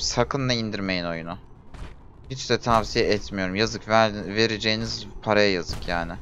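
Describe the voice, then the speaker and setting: A man giving frustrated commentary while playing a game, groaning, pleading and shouting at it. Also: lowish voice. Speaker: gameplay streamer.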